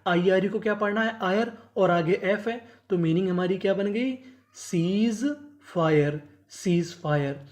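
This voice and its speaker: A woman's voice: mid-range voice, darkish tone. Woman, English teacher, spells words in chunks, asks and answers herself, patient drilling. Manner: drills by asking and answering her own questions; spells out words in letter chunks, then repeats them slowly. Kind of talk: spoken vocabulary lesson.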